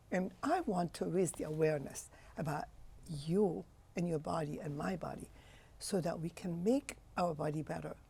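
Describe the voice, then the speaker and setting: With a lowish, mellow voice carrying vocal fry and a breathy edge, this woman answers interview questions emphatically and with passion. She is a sixty-something physician from Egypt, appearing as a guest.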